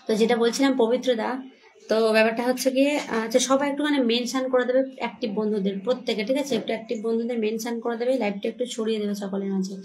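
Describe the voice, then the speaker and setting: A woman's voice: fairly high pitch, fairly even intonation, rapid-fire, darkish tone, a little hiss or hum. Chatty woman livestreaming from home. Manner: chatty, shaken and frightened. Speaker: livestream host. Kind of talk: casual livestream chat. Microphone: phone.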